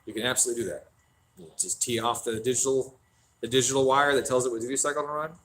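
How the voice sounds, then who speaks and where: A man's voice: medium pitch, fairly even intonation, fast talker, a bit bright. A man hosting a casual stream from a tuning shop, swearing freely and answering viewer questions. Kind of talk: casual livestream chat.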